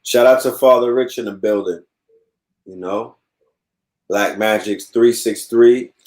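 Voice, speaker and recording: A man's voice: fairly low pitch, fairly even intonation, measured pace, darkish tone. A man hosting a livestream, talking casually and explaining things to his viewers. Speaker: livestream host.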